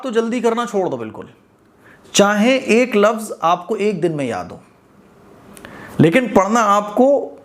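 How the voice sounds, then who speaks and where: A man teaching Quran reading in an informal lesson, talking straight to learners in an encouraging way. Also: sits high. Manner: demonstrates recitation, drawing out words very slowly; encouraging, direct address to learners.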